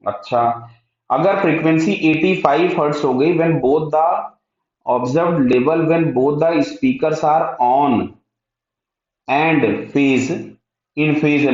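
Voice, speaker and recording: Speaking slowly in a slightly high, darkish voice, an Indian-accented physics teacher works through a problem aloud one step at a time. He blends Hindi with English technical vocabulary and asks himself quick check questions before answering them. It's recorded in a very echoey room with a dull, muffled sound.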